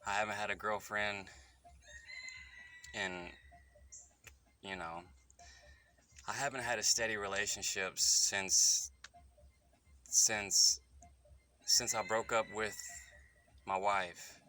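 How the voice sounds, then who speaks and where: A vlogger in his thirties records a candid personal confession on his phone, rambling, halting, and correcting himself as he goes. His lowish voice keeps a steady, sharp tone over slight background noise.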